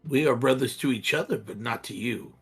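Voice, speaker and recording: A man's voice: medium pitch, brisk, slightly rough, faint music behind. A man playing a tabletop fantasy game, talking in casual in-character banter.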